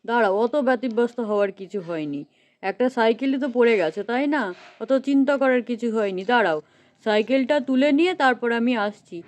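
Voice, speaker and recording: A woman voicing an easygoing middle-aged village husband in a doll story, calm and dismissive of the fuss. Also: on the high side, a little fast, close to an everyday voice. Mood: placid.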